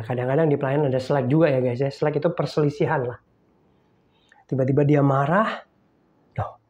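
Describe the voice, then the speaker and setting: A man's voice: mid-range voice, darkish tone. A male pastor telling a story in a sermon, acting out the voices and often calling his listeners "guys". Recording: dull lo-fi recording.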